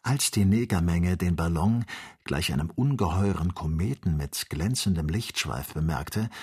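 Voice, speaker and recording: A man reading an adventure novel aloud as an audiobook, with measured, expressive storytelling. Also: lowish voice, breathy edge. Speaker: audiobook reader. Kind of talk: scripted audiobook narration.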